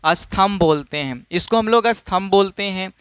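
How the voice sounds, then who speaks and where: In a high, clear, resonant voice with a bit of brightness, a man teaches maths at a normal speed, with no room sound. His casual lesson is repetitive, full of self-answered questions, and he addresses the class as children.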